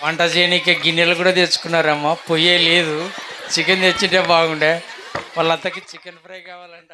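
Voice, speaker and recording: A man's voice: fairly high pitch, level tone, fast talker. Chuckling man behind the camera. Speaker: family vlogger filming children's skit. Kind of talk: casual off-camera commentary. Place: outdoors at a house with a rooftop. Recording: outdoor crowd chatter and noise.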